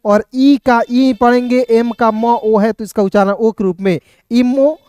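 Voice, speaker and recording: A man's voice: very high voice, fairly even intonation, measured pace, darkish tone, smooth, no room sound. A man teaching an online language lesson, spelling words out letter by letter and repeatedly asking his viewers questions, then answering them himself. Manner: keeps addressing viewers as friends. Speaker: English teacher.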